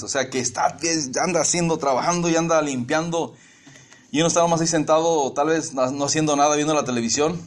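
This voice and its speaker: A man preaching a sermon, joking with the congregation and asking them questions. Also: fairly high pitch.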